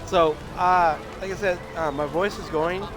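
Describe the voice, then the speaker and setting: A streamer with a high-pitched voice talks in a steady, unhurried tone while video game music plays. He's hoarse and scratchy, saying his voice is going, and he rambles casually with many restarts.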